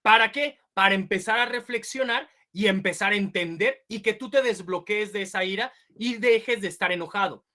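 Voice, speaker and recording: A woman delivers a lecture to parents. Her voice is bright and forward. She explains step by step, asks the room short questions, and acts out little quoted voices as examples. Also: mid-range voice, normal speed, few pauses. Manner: explanatory, checks in with "ok?" and "vale?". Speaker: speaker giving a parenting talk.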